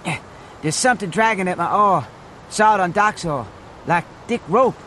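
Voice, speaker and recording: An actor playing a rough young male sailor who speaks in clipped phrases while rowing in an adventure drama. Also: high-pitched, animated, moderate pace, bright, forceful tone, slight background noise. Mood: tense, irritable. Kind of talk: dramatised adventure audiobook acting.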